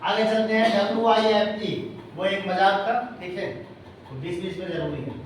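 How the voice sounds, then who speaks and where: High-voiced man teaching in an echoey classroom. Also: fairly even intonation, moderate pace, a little hiss or hum. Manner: spells words letter by letter, asks the class questions. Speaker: English tutor. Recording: echoey room recorded from a distance.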